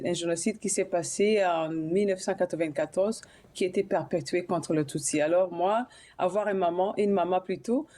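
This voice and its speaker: Mellow-voiced woman singer. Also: mid-range voice. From Burundi. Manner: hesitant, many "euh" fillers and restarts. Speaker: singer and guest. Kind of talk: TV studio interview.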